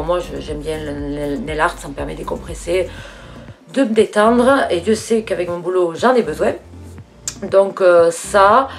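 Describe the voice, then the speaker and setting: A middle-aged beauty vlogger chats casually through a haul in a fairly low, slightly mellow voice, with lots of fillers and restarts. Faint music plays in the background.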